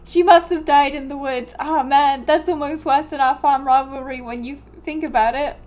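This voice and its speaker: A woman's voice: high voice, steady tone, moderate pace, a little mellow, lightly acted. A woman doing a folksy, weary farmer dad. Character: weary hardworking farmer father.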